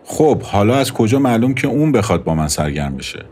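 A man's voice: fairly low pitch, sing-song, a little mellow. Man playing a teasing, doubtful young man. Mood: half-joking. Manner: half-joking, playful.

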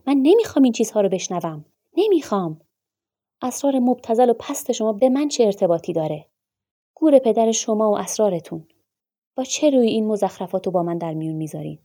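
Storybook: woman doing an enraged, proud male doctor; yelling, husky, loud. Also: medium pitch, animated. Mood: furious, shouting. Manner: shouting angry tirades. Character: furious grieving male doctor, bitter and proud.

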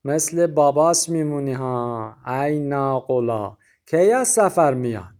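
A man voicing a chatty, nosy male shopkeeper who speaks Persian with a thick Azeri accent and a slow, drawn-out, teasing delivery. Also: mid-range voice, animated, a little mellow, close to an everyday voice. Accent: Azerbaijani Turkish (Azeri) accent in Persian.

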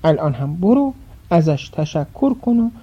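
A woman's voice: sits low, very animated, mellow, slightly rough, full character voice. Fretful kindly old tailor, read by a woman. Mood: concerned. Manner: fretful, fatherly. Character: worried kind old male tailor. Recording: dull lo-fi.

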